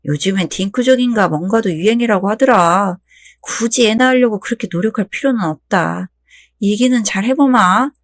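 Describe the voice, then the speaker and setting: A woman's voice: mid-range voice, normal speed, no room sound, close to an everyday voice. A woman voicing a grudging, curt middle-aged mother-in-law in a dry recording.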